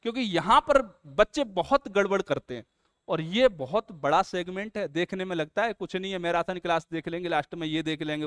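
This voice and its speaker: A man's voice: high-pitched, a bit bright, clean tone, no room sound, clean studio sound. A man, an exam coaching teacher, walking students through a test series in an earnest, coaxing way. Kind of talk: promotional explainer lesson.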